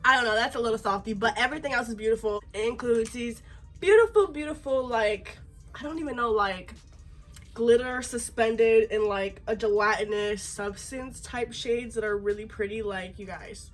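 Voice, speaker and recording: A woman's voice: fairly high pitch, normal speed, soft background music. A young woman, tipsy and sassy, chatting in a slangy, giggly way as in a casual makeup vlog. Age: young adult.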